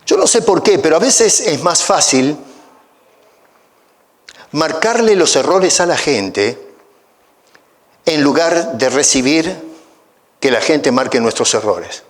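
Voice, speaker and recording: A man preaching an expository sermon as pastor, with emphatic rises, rhetorical questions and conversational asides. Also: mid-range voice. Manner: emphatic rises on key phrases.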